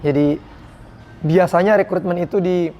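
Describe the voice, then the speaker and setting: A man's voice: sits high, steady tone, moderate pace, muffled recording, a little hiss or hum. A man, a doctor on hajj health duty, telling his experiences in an earnest, devout and emotional way during an interview. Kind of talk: interview storytelling.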